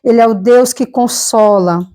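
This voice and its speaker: A woman's voice: on the high side, normal speed, dark tone. A woman from Brazil with a Brazilian Portuguese accent, preaching a fervent, emotional sermon with personal testimony at a church service. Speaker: lay preacher.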